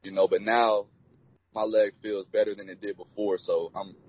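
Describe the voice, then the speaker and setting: A man's voice: fairly low pitch, flat delivery, moderate pace, husky. A young man in his twenties, a college football player, answering interview questions in a laid-back way, full of "you know" fillers. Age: 20s. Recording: dull lo-fi recording.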